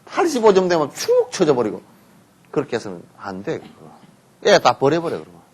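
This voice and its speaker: A man's voice: a little high, brisk, slightly rough. A man giving a Buddhist sermon, telling stories, acting out parents and children in quotes, and often asking listeners to agree. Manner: lively storytelling, acts out parents and children in quotes, asks listeners for assent. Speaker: Buddhist teacher giving a dharma talk.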